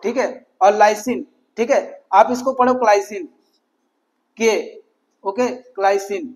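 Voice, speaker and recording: Male tutor, very high-pitched, giving an exam-prep lecture in Hindi-English, asks questions and answers them himself. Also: fairly even intonation, takes it slowly, low-quality recording. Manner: mixes Hindi and English, repeats "ठीक है" often. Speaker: teacher.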